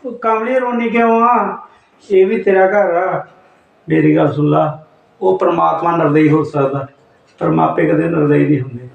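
A man playing an ailing old father, gravelly and gentle. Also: fairly high pitch, normal speed, muffled recording. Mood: comforting. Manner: gentle, comforting. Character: ailing elderly father, tender and reassuring. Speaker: father character. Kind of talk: Punjabi short-film acting. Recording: roomy echo, mic at a distance.

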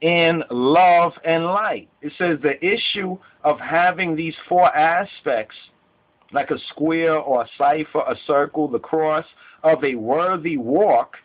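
A man's voice: a little high, measured pace, phone-quality sound. A man teaching scripture in Rastafari speech, repeating phrases emphatically and checking in with his listeners as he goes. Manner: emphatic repetition, checking in with "right?". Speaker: religious teacher.

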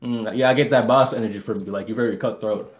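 A man's voice: on the low side, steady tone, fast. A man in his twenties from Jamaica, laid-back and slangy, chatting and flirting on a video date over a headset. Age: 20s. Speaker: dating contestant. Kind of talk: casual flirty chat. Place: home room.

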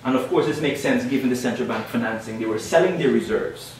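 Talking fast in a mid-range voice, a young Guyanese man gives an academic presentation at a panel event. He hammers key points through repetition and often checks in with "all right?" The recording is far-off, very echoey lecture-room audio with faint noise.

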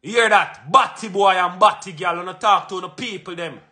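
A fiery Jamaican vlogger with a high, bright voice talks at normal speed in a monologue to camera from a small room at home, recorded on a phone held at arm's length. He's emphatic and confrontational, punching out lists and repeating phrases.

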